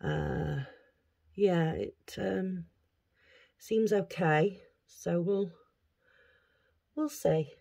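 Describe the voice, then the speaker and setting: A woman's voice: fairly low pitch, huge pitch swings, extremely slow, creaky, pauses often, mellow. A woman chatting casually on her craft vlog, thinking aloud as she unpacks things. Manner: chatty, thinking aloud while handling items. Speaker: craft vlogger. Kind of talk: casual unboxing chat.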